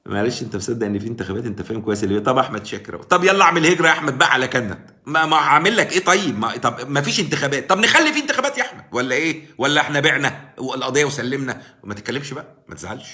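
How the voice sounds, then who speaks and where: A man's voice: medium pitch, lively intonation, racing, hardly any pauses, sharp tone. A man with an Egyptian accent hosting a live stream, giving casual political commentary in an argumentative way and answering viewers by name. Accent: Egyptian Arabic. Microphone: live-stream mic.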